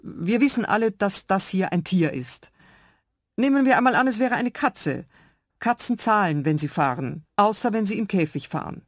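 Brief: a woman doing an officious tram inspector man, loud, insistent, slightly raised pitch. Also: lively intonation, normal speed, dry recording, studio quality, natural voice. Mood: stubborn. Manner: officious, insistent, louder than the narration. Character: stubborn rule-bound male tram ticket inspector.

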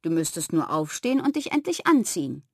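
A woman voicing a calm, patient father in a children's storybook, explaining things gently. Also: lowish voice, brisk, husky, no room sound, clean studio sound, pitched below the performer's own voice, exaggerated voice.

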